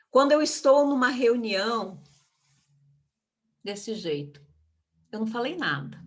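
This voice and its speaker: A woman giving an online lecture on public speaking, emphatic and full of rhetorical questions. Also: fairly high pitch. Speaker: communication speaker, guest of an online live.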